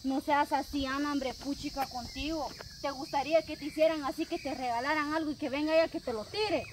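A woman's voice: high voice, fairly even intonation, fairly quick, lightly acted. A woman playing a caring young woman who earnestly scolds and coaxes in an amateur drama. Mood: scolding. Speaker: actress in a family web drama. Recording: outdoor noise, crickets behind.

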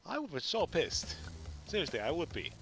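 A man's voice: on the high side, huge pitch swings, moderate pace. A man casually commentating a video game he is playing, frustrated and salty, muttering mild curses. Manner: frustrated, salty, mildly cursing. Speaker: gaming channel host. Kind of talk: casual let's play commentary. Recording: voice over loud game music.

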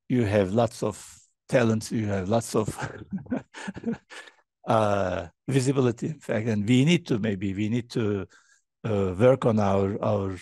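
A man's voice: lowish voice, darkish tone, no echo. A middle-aged man giving a keynote talk over a video call, hesitant and full of fillers and repeated words. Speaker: keynote speaker. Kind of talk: conference keynote presentation. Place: indoor room, presenting remotely. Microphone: video call webcam.

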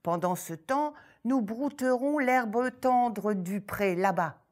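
Two protective hares in a folk tale, warm-hearted and careful, speaking in a slightly raised voice, as a woman storyteller does them. Their delivery is slow and gentle. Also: a little high, lively intonation, pitched above the performer's own voice. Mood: caring.

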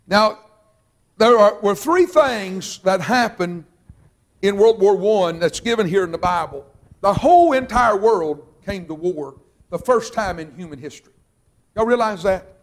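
A man preaching a revival sermon, fervent and drawn out, sometimes shouting. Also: high-pitched, expressive. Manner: fervent, shouting at peaks, drawn-out emphatic phrases. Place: church sanctuary.

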